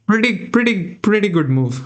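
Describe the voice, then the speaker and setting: Commenting on a chess match from a small room, this young adult streamer from India talks to his viewers and reasons out loud in an Indian accent. He has a high-pitched, expressive voice at normal speed.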